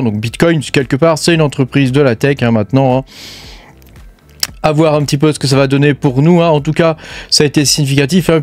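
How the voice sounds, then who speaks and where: A man's voice: mid-range voice, darkish tone, no room sound. A man from France giving casual, filler-heavy commentary on crypto news over charts, talking straight to the viewer and swearing bluntly. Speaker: crypto mining YouTuber.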